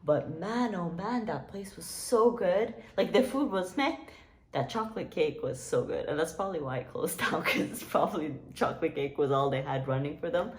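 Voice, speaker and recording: A woman's voice: on the low side, animated, moderate pace. A young woman from Dubai chatting to camera in a casual vlog, gushing and nostalgic, full of "like" and "you guys". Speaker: vlogger.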